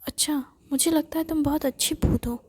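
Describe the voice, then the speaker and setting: A woman voicing a nervous young man who mutters anxiously and chats with a ghost, in a breathy whispered role-play. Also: high voice, fairly even intonation, fairly quick, darkish tone, pitched above the performer's own voice, natural voice. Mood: puzzled. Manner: fretful, muttering to himself.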